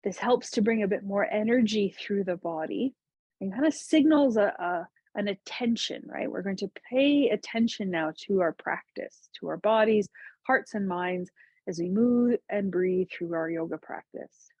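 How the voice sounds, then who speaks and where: A woman teaching a seated yoga class, giving calm, gentle cues to breathe and move. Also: medium pitch, normal speed, slightly rough, no echo, highs cut off. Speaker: yoga instructor. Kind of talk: guided chair yoga instruction.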